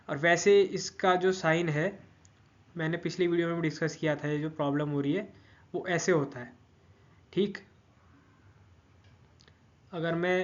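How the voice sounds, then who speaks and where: A man's voice: a little high, dull audio. A man giving a patient grammar lesson, repeating each word form and checking in with listeners often. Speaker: language teacher.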